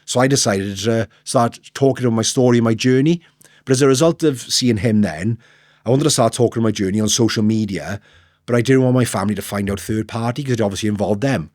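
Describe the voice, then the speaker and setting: Fast-talking middle-aged South Wales man. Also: mid-range voice, darkish tone, no room sound, clean studio sound. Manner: earnest, repeats phrases, quotes conversations. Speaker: interview guest, motivational speaker. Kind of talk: candid personal storytelling in an interview.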